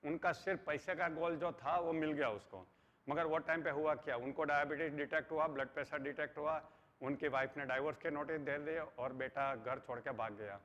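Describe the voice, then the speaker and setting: A man's voice: on the high side, steady tone, normal speed, fairly bright tone. A middle-aged man giving an earnest motivational lecture, mixing English phrases into his talk. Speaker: motivational trainer. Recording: dull sound with long hall reverb.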